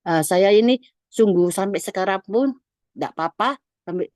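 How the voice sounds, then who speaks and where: A woman's voice: mid-range voice, expressive, normal speed, a little mellow, no echo, clean studio sound. A middle-aged woman giving an emotional personal testimony, repeating herself and restarting often.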